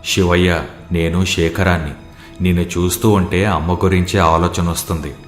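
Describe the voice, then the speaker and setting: A man voicing the ghost of a dead young man, speaking low and mournfully. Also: flat delivery, moderate pace, faint music behind, close to an everyday voice. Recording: echoey, roomy sound.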